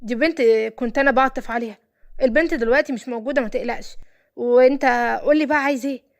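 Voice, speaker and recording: A woman's voice: high-pitched, racing, natural voice. A woman doing a stern secretive rich man. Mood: alarmed. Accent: Egyptian. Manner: warning, firm.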